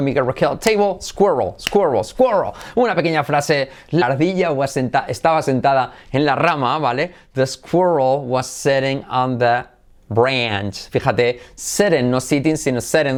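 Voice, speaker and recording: A young man whose first language is Spanish, teaching English pronunciation in a lively online lesson and drilling sounds by repeating them. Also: medium pitch.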